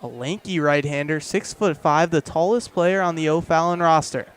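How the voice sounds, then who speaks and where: A young man calls baseball play-by-play on live radio from an outdoor ballpark. His voice is fairly high and smooth at a moderate pace, and his vivid descriptions climb as the action builds.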